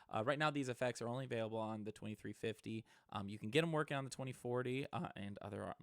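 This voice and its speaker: In a casual tech demo, this electronics hobbyist presenter gives an informal, slightly hesitant explanation in a lowish voice. A close mic feeding an audio interface yields clean studio sound without any echo.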